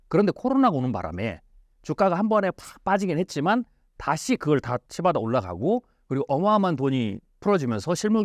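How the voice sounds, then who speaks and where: A man's voice: on the high side, darkish tone, no echo, studio quality. A man as an interview guest, explaining in an emphatic way with rhetorical questions. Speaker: futurist guest.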